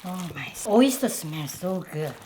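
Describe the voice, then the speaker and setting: A woman's voice: lowish voice, sing-song, measured pace, dark tone, a little hiss or hum. Chatty Korean-accented woman cooking. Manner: chatty, enthusiastic, simple phrasing. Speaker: cooking show host. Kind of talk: cooking demonstration. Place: home kitchen.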